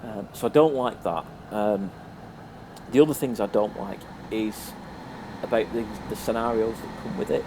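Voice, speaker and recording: A man's voice: lowish voice, moderate pace. A British man with a sniffly, congested cold, giving a casual, hesitant, unscripted review as a presenter. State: has a cold. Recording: noticeable background noise.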